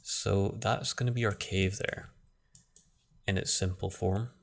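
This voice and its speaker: Talking at a measured pace, a low, gravelly-voiced man works through a software tutorial on screen. He sounds flat and relaxed, musing aloud and restarting his sentences along the way.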